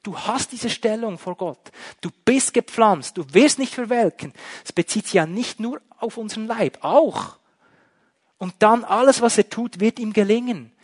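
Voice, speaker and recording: A man preaching a sermon, emphatic, shifting between loud and soft. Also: high voice, expressive, moderate pace, husky. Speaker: pastor.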